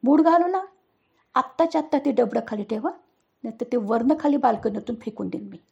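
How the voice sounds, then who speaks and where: A woman voicing a stern, fed-up middle-aged mother who nags loudly in a storybook tale. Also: expressive, moderate pace, vocal fry, breathy edge, lo-fi sound, heavily acted. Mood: scolding. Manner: shrill, loud, nagging.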